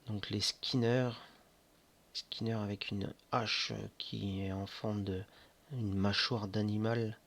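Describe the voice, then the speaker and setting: Man, lowish bright voice, unhurried and hesitant, chatting about game figurines. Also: level tone, creaky. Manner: slow, hesitant, many fillers. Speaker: board game reviewer. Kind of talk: casual unboxing commentary. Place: indoors at home near board games.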